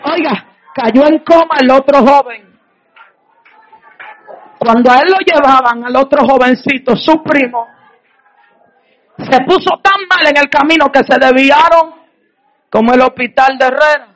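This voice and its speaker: A woman evangelist with a Dominican accent, preaching a fervent testimony sermon at a church service, often rising to shouts of praise. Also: high voice, measured pace, pauses often. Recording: live church recording with congregation noise. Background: congregation audible.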